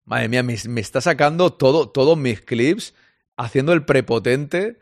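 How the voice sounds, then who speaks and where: A man's voice: mid-range voice, normal speed, no echo, studio quality. A man with a Spain Spanish accent hosting a live sports stream, chatting casually and joking as he reads out listener comments. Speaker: sports podcast host.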